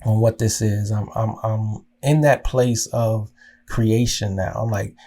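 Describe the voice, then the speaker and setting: A man's voice: on the low side, fairly even intonation, a little slow, warm tone. A man from Oklahoma hosting a podcast, telling a personal story in an earnest, emotional way, often restarting and repeating words as he goes. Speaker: podcast host.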